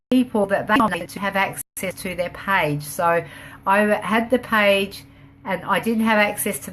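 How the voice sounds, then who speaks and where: A woman's voice: mid-range voice, fairly bright tone, slight background noise. A woman running a home business, chatting casually on a live video, rambling a little, laughing easily and answering viewer comments as she goes. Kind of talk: casual live-stream chat.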